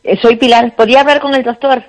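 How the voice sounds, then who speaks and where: A woman calling in to a live radio health show, heard over the phone. She speaks politely and answers with short, quick agreements. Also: a little high, fairly even intonation. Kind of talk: polite casual chat. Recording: muffled phone line.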